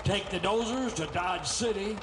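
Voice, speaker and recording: A man's voice: sits high, noisy background. An actor playing a cheerful male railway dispatcher calling orders over a walkie-talkie radio in a children's video. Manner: brisk radio call-out, barking orders. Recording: roomy echo with music behind.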